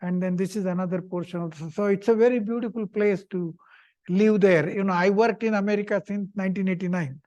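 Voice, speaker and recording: High-pitched older man giving informal lecture. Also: steady tone, fairly quick, darkish tone, highs cut off. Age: middle-aged or older. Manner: chatty, repetitive, short simple phrases. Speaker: visiting professor giving a seminar talk.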